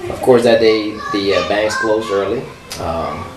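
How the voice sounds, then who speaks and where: A man's voice: on the low side, a little slow. A man from Sudan recalling his own past in a hesitant, casual way, with many fillers and restarts. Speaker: interviewee. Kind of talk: personal recollection, casual storytelling. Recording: echoey room, mic far off, noisy.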